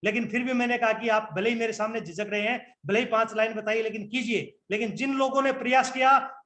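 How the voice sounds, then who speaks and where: A man's voice: sits high, a bit bright. A man giving a motivational business training talk, earnest and instructive, speaking straight to his audience and asking rhetorical questions. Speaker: network marketing trainer.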